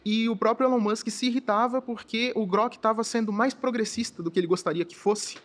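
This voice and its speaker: A man's voice: sits high, fairly even intonation, brisk. A man arguing pointedly in a debate, laying out his case against the AI. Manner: pointed, argumentative questioning. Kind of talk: debate argument.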